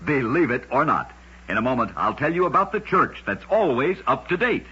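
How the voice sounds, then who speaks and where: This vintage radio host narrates short scripted stories with a dramatic flair, his husky, gritty voice medium in pitch. He speaks briskly and animatedly with a sharp tone, on a lo-fi old radio recording.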